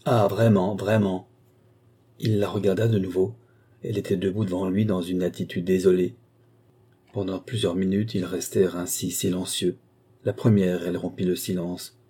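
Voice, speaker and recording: A man reading a novel aloud in a measured, dramatic narration. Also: low voice, level tone, mellow, slightly rough. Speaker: audiobook reader. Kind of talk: scripted narration.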